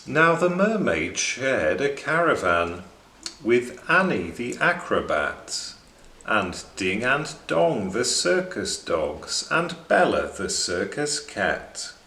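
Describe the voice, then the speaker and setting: A man reading a children's story aloud in an expressive narrating style. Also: medium pitch, slow. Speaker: story reader. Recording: echoing room.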